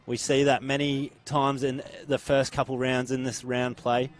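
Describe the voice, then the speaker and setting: A man's voice: medium pitch, level tone, normal speed. A man with an Australian accent doing live play-by-play commentary at an outdoor sports ground, upbeat and naming players by number.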